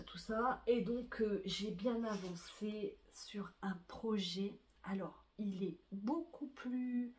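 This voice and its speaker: A middle-aged woman, chatting casually about her sewing and knitting projects, full of fillers and restarts. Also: on the high side. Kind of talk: casual chat to camera.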